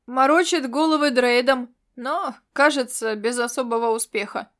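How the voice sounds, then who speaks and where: A woman's voice: high voice, normal speed, a bit bright. A woman voicing a worried male sergeant reporting to his commander. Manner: worried report, a bit distant.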